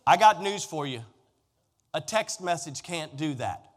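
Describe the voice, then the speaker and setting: Expressive and a little slow, this middle-aged American pastor speaks in a slightly high voice. His sermon stays conversational and emphatic, with rhetorical questions for the listeners, and the echoey hall adds long reverb.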